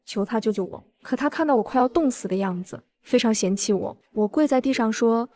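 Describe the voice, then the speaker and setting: Woman narrating her revenge story, cool and smug, slightly high voice. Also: animated, a little fast, dark tone. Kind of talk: first-person scripted story narration.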